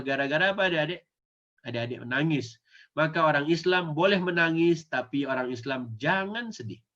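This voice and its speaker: A male Islamic teacher with an Indonesian accent giving an animated Quran lesson to children, often acting out the kids' voices. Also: fairly high pitch. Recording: dull lo-fi recording.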